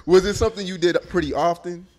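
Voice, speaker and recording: A man's voice: sits high, fast. A young adult man interviewing casually, asking probing questions with many fillers.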